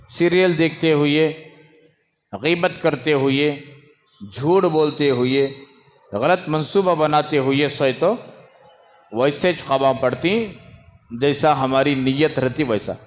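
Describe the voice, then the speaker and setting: A man preaching an Islamic sermon, swinging between raised, emphatic phrases and low asides, and stopping to hush restless children. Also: fairly even intonation, slow, long pauses. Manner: scolds and hushes children in the audience. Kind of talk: religious sermon. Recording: long hall reverb.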